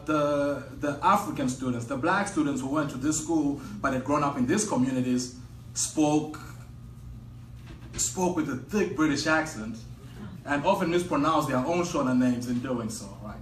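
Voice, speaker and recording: A young Zimbabwean man tells a personal story at a live storytelling evening, speaking at a middle pitch. He takes his time, pausing often in a measured, reflective way. The sound is echoey and picked up from some distance, with faint noise behind him. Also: a bit bright. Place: event venue with an audience.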